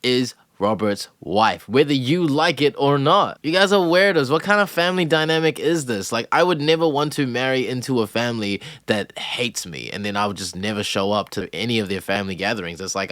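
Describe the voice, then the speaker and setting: A man giving blunt, casual reaction commentary, often swearing. His voice sits at an ordinary middle pitch. The recording is dry and close with no room sound. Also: a little fast, few pauses, fairly bright tone, dry recording. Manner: blunt, swearing, laughing at the clip. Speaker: reaction video host.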